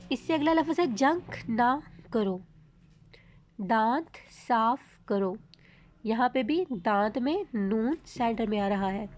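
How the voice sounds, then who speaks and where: A woman teaching a children's grammar lesson, her voice sitting a little high. She has a Pakistani Urdu accent and explains patiently, stretching each example word out slowly and clearly. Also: a little mellow. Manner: explains slowly, reads example words drawn out.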